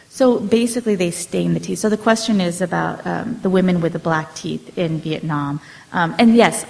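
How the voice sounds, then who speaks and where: On a low-quality recording, a fortysomething woman author answers audience questions by recounting her family history. Her pitch is fairly low and edged with vocal fry, and her casual storytelling wanders hesitantly, full of fillers and false starts.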